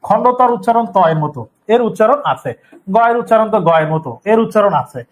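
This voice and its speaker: Young adult male tutor, high voice, patient step-by-step live lesson delivery. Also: expressive, fast. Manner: repeats key terms, explains step by step. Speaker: teacher. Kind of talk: live online exam-prep lesson.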